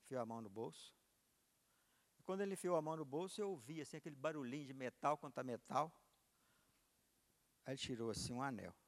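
A man's voice: mid-range voice, quick pace, pauses often, long reverb tail. A man preaching a sermon, telling a personal story and acting out its dialogue with big swings in voice and volume. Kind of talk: sermon with acted testimony.

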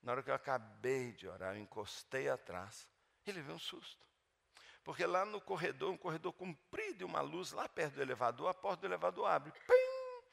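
A middle-aged man preaches fervently while telling a personal story, swinging between loud, emphatic preaching and hushed storytelling. His voice is a little high and gravelly, he speaks fairly quickly, and the recording carries a long hall reverb.

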